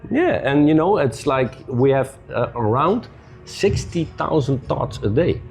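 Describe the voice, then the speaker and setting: A man telling stories as a podcast guest in loose, non-native English with many "you know"s, relaxed and upbeat. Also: mid-range voice, measured pace, gravelly, soft background music. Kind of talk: casual storytelling conversation.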